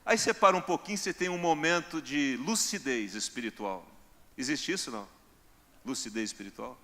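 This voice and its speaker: A man's voice: medium pitch, a little fast, pushed and bright. A male pastor, preaching in a conversational way and acting out everyday scenes. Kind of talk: sermon. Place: church.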